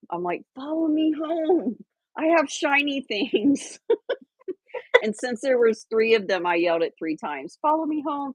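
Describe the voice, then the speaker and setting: A woman co-hosts a casual livestream, chatting and rambling with plenty of fillers and restarts. Her voice is on the low side, and there is no room sound.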